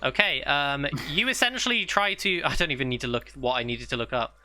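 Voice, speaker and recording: A man running a tabletop game as game master, talking casually with many pauses and restarts. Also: medium pitch, sharp tone. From United Kingdom. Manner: halting, full of fillers and restarts. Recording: faint ambient music behind.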